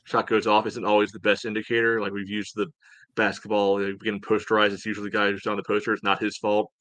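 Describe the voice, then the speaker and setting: Here a podcast co-host talks soccer in a lowish, totally flat voice, fast and slightly bright, with no room sound at all. It's loose sports analysis, tentative and conversational, full of filler and repeated "you know"s.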